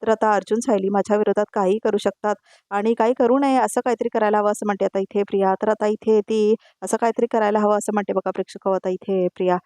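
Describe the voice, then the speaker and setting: A woman's voice: medium pitch, steady tone, fast, dark tone, no room sound, clean studio sound. A woman with a Marathi accent narrating a voice-over recap of a TV serial, talking to viewers. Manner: addresses viewers, quotes dialogue in turn.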